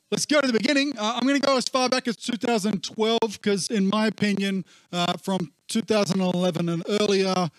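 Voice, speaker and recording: Muffled, underwater-sounding man, high-pitched pastor. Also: dry recording. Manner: conversational, discursive. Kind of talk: informal church talk.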